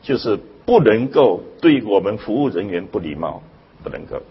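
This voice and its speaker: Older male lecturer, husky voice, lively swooping pitch, dull lo-fi recording, emphatic and questioning. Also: normal speed. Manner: emphatic, rhetorical questions, sudden jumps in pitch. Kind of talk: public lecture.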